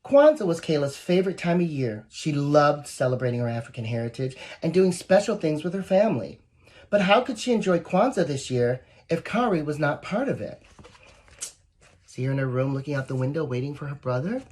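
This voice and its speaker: A volunteer storybook reader performs a children's picture book aloud with plenty of expression, adding asides aimed straight at young listeners. The mid-range voice is expressive, a little fast, and slightly mellow.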